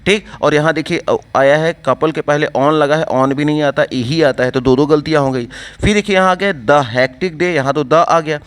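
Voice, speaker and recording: A man's voice: a little high, fairly even intonation, moderate pace, clear, resonant tone. A man, teaching an exam-prep English lesson and explaining step by step while he asks and answers his own questions.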